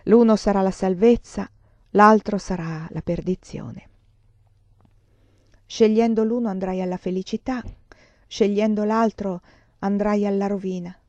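A woman reading the lines of a solemn male fortune-teller who speaks slowly and gravely, in a slightly dull recording. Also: medium pitch, fairly even intonation, darkish tone, dry recording, lightly acted. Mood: ominous.

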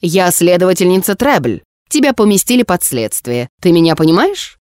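A cold, commanding woman investigator with a creaky voice, as a woman narrator puts her on. She speaks low and slow, pressing her questions one after another in an audiobook reading, recorded dry and close. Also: big pitch swings, darkish tone, no room sound. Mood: stern, menacing. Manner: slow, demanding interrogation. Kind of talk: audiobook character voice.

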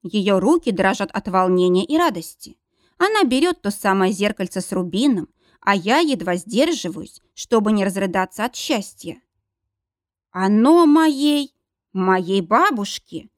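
A woman narrating a story with lively, widely moving pitch and an expressive delivery. Her voice sits in a middle range. The recording is dry and close. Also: moderate pace, no room sound. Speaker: audiobook narrator.

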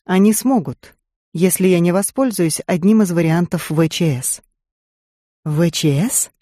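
A reader voicing a tough, battered female agent who speaks tersely and gruffly. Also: fairly low pitch, unhurried, warm tone, no echo, clean studio sound.

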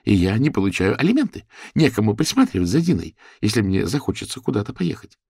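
A man's voice: on the low side, very animated, quick pace, vocal fry, a little mellow, breathy edge, no echo, studio quality, exaggerated voice. A man voicing a bitter, paranoid young single mother who speaks in a venomous, accusing way.

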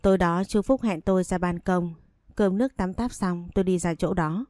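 Woman reading a story in first person, low mellow voice, dry close sound. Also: normal speed, dry recording.

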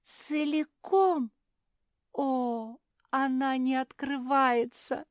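A woman voicing an excitable female pug who wants sweets, squealing eagerly and drawing out her words. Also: high-pitched, very slow, dry recording, clean studio sound, voice pushed up. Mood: excited greedy.

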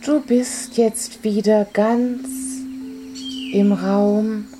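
Very slow, soft, dreamy woman's voice. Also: medium pitch, music in the background. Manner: soft, dreamy, soothing, calm delivery with long pauses. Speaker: guided meditation narrator. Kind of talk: guided relaxation, scripted fantasy-journey narration.

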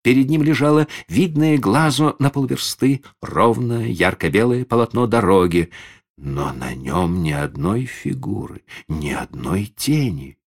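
A man reading a classic story aloud in a measured, theatrical storytelling manner. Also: fairly low pitch, animated. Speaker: audiobook narrator.

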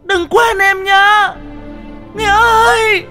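A man faking a shrill, wailing teenage girl. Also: fairly even intonation, slow, bright, forceful tone, faint music behind, full character voice. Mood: wailing, pleading. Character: sobbing teenage girl begging her departing soldier boyfriend.

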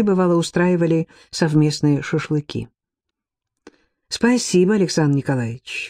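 A man reading an audiobook aloud in a measured, unhurried way, lowering his voice for the characters' dialogue. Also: mellow, dry recording, studio quality. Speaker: narrator. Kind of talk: audiobook narration.

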